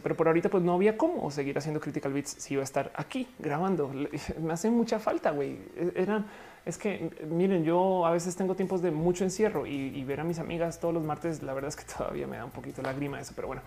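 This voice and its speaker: A woman's voice: low-pitched, a little fast, warm tone. A young Colombian-born woman with a Mexican Spanish accent, chatting casually on a live stream and reading viewer comments aloud.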